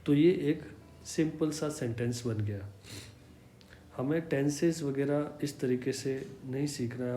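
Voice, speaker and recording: A man teaching an English class in a slow, explanatory way, patiently repeating each example. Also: medium pitch, dark tone. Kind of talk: slow explanatory language lesson. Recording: echoey room with faint hum.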